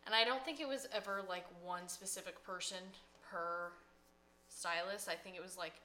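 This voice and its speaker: A woman's voice: fairly low pitch, normal speed, pushed and bright. A woman hairstylist co-hosting a podcast from home, giving casual advice with many fillers. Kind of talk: casual chat.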